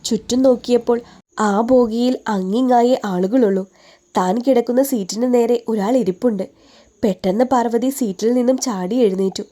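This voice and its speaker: A woman narrating a romantic audio novel in an even, measured storytelling way. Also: a little high.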